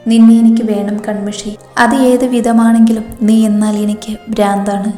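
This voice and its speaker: A woman's voice: medium pitch, little pitch movement, normal speed, mellow, echoey room, in a large hall, soft background music, lightly acted. A woman voicing an obsessive, possessive young man, reading his lines firmly and insistently.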